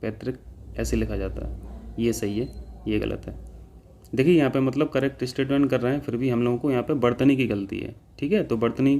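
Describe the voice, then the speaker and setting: Dark-voiced man teaching an exam class. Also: mid-range voice, steady tone, brisk, slight background noise. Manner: explains step by step, keeps checking with "ठीक है". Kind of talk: exam-prep lesson.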